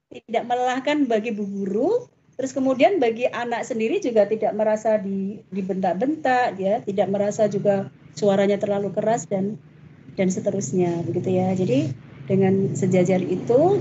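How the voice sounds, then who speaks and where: A woman's voice: on the high side, dark tone, muffled recording, slight background noise. A woman giving a parenting talk in a chatty way, full of tag questions. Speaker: parenting speaker.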